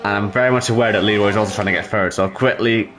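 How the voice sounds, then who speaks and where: A man with a lowish voice breaks down pit strategy and standings. His humour is dry and understated. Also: steady tone, rapid-fire, over music. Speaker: race commentator. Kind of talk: live sim racing commentary.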